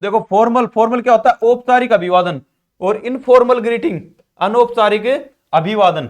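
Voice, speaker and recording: Male teacher, high voice, lecturing students, poses questions and answers them. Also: normal speed. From Haryana, India. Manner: repeats questions and answers them himself, frequent "ठीक है भाई". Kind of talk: classroom lecture explaining English pronunciation.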